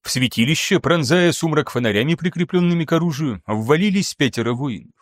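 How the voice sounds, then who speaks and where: A man's voice: on the high side, animated, fairly quick, no room sound. Man narrating an audiobook, dry close sound. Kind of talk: scripted narration.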